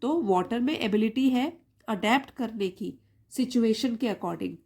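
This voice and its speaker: A woman's voice: a little high, animated, a little mellow. A woman with an Indian accent reading an English story aloud and explaining it line by line as a teacher. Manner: reads English lines slowly, then explains them word by word.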